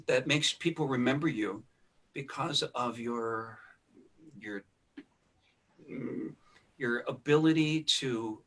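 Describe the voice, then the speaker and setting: A man's voice: medium pitch, fairly bright tone. A man guesting on a podcast, casually telling rambling stories about recording sessions and thinking aloud as he goes. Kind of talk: casual storytelling conversation.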